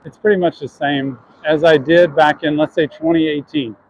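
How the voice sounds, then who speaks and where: A man's voice: on the high side, fairly even intonation, normal speed, darkish tone, dull audio, slight background noise. A man chatting earnestly to his viewers while walking down city streets, answering questions from chat.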